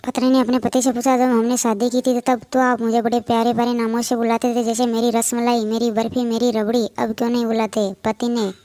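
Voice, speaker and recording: Woman reading jokes, flat and quick. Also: a little high.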